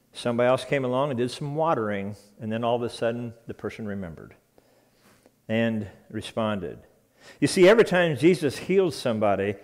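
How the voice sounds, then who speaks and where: A man's voice: mid-range voice, a little mellow. Earnest male preacher delivering a sermon. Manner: earnest, emphatic preaching with repeated phrases. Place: church sanctuary.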